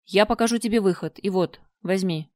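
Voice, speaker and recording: A woman's voice: mid-range voice, fairly quick, a little mellow, dry recording, clean studio sound, natural voice. Woman doing a sly ancient spider crone. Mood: smug. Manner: murmuring, sly, clicking and smacking. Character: ancient female spider monster, grumbling, mocking. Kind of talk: audiobook reading.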